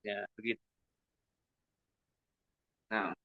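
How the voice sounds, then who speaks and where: A man teaching Quran recitation, slowly demonstrating each sound with drawn-out chanting. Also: on the low side, flat delivery. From Indonesia. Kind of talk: tajwid lesson with demonstrations. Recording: dull lo-fi recording.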